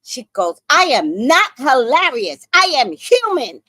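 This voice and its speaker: A woman in her sixties hosts a podcast, telling a story in a casual, profane and theatrical way. Her voice sits fairly high and swings widely in pitch. The sound is dry, with no room echo. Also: slow. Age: 60s. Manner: animated, profane, dramatic storytelling. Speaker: podcast host.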